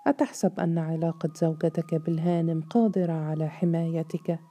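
A woman voicing a furious, contemptuous male estate overseer who shouts insults and interrogates sharply. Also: low voice, fairly even intonation, a little fast. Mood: enraged.

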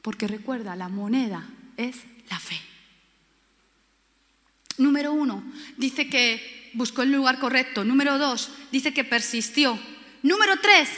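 A woman's voice: high voice, bright, forceful tone. A woman from Spain preaching a sermon with passion, repeating key words and acting out quoted voices. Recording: long hall reverb.

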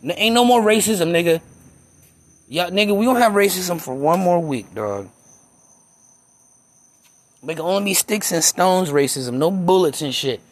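A man's voice: high-pitched, expressive, moderate pace, long pauses. A young man talking in a heated, profane, rambling rant as a self-described conspiracy theorist. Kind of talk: casual rant.

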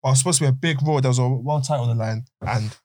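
A man's voice: mid-range voice, very fast, dark tone. A man with an urban London roadman accent and street slang, chatting casually as a podcast host in a group. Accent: London, urban roadman-style slang.

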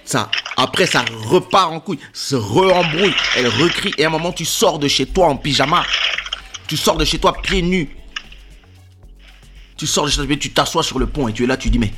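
A man in casual chat, telling a story with animated delivery and acting out quotes in a high voice. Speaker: podcast host.

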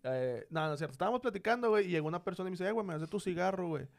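A young Mexican man with a high voice tells stories among friends. He talks in slang and teases the others as he goes. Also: expressive, racing, gravelly. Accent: Mexican Spanish. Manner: slangy, teasing storyteller. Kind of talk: casual chat among friends.

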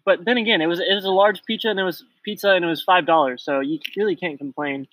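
A man with a bright, somewhat high voice hosts a relaxed food podcast at home. He steers the talk, asks the others questions and drops goofy jokes at his own expense. The sound is close and dry. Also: quick pace, no room sound, poor audio. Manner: joking, self-deprecating, leads the questions. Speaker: podcast co-host. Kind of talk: casual chat. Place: home, at night.

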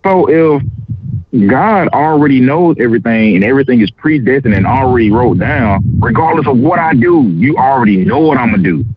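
Man in casual debate, lively pitch, slightly high; lo-fi sound. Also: fairly quick, slightly rough. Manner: argumentative, working through an argument. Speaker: podcast co-host. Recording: lo-fi audio.

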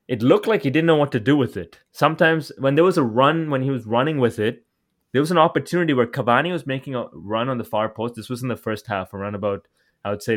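A man in casual sports chat, arguing his opinions firmly and repeating points for emphasis. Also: medium pitch. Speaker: football podcast panelist.

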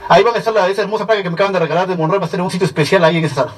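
A middle-aged man from Mexico with a Mexican Spanish accent gives an animated testimonial talk to a seminar audience, telling stories at a rapid clip and checking in with his listeners. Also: high voice, distant mic, low-quality recording. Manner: rapid, animated storytelling with frequent "¿sí?" check-ins. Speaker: seminar speaker.

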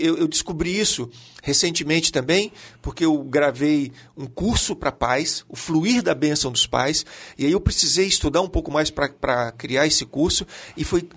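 Animated husky Brazilian man teaching. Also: fairly high pitch. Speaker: teacher and co-host.

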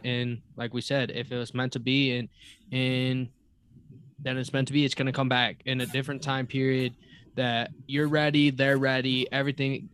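Male guest, casual chat, halting and reflective, mid-pitched voice. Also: fairly bright tone, a little hiss or hum. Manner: halting, reflective, many restarts. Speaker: podcast guest.

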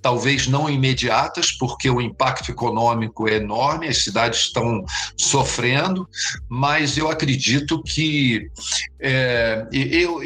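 A man, a guest expert giving reflective interview answers, halting and restarting often. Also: mid-range voice, fairly bright tone, rough recording. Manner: halting, many restarts and repeated words.

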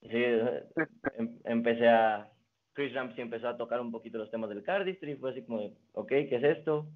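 A man's voice: mid-range voice, fairly quick. Young man chatting over a tinny line. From Mexico. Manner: relaxed storytelling with many restarts. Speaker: guest, card designer and magician. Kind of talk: casual interview chat. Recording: phone-like narrow band.

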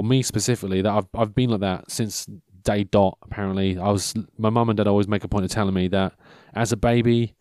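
A man in his mid-thirties, his fairly low voice a little mellow, wanders through a casual monologue, breaking off and forgetting his point while drily mocking himself. The recording is dry.

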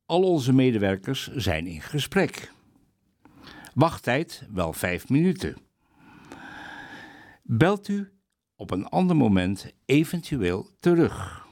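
A man's voice: mid-range voice, big pitch swings, slow, long pauses, darkish tone, no room sound, clean studio sound. A man putting on a clipped, robotic automated phone-menu voice while reading a humorous column aloud. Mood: mechanical.

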